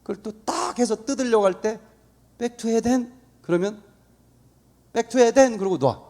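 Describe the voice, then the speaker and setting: A man giving a lively, story-filled talk at a church, acting out the voices of the people in his story. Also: high-pitched, quick pace. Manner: animated storytelling, acts out quoted voices. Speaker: guest speaker. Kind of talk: church lecture.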